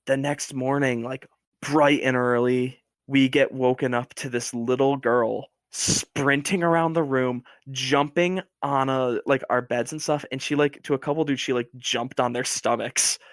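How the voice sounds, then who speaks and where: A man guesting on a podcast, telling a story in a casual, animated way with lots of fillers. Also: medium pitch, measured pace, no room sound, studio quality.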